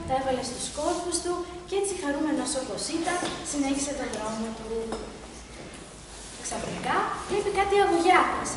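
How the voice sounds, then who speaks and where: High-voiced woman reading a folk tale. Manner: expressive storytelling. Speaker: storyteller. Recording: echoey hall, voice far from mic, background noise.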